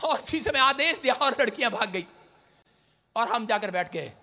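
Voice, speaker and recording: A middle-aged man preaching a sermon, telling stories in turns hushed and loudly shouted. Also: very high-pitched, moderate pace, big-room sound, a little hiss or hum. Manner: animated, swings from hushed storytelling to loud shouted exclamations. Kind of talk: Hindi sermon with storytelling.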